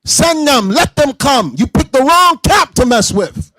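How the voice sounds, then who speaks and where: A man teaching scripture to a class, loud and confrontational, breaking into shouts and explaining verses in everyday slang. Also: very high-pitched, expressive, measured pace, no room sound. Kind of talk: street-style preaching commentary.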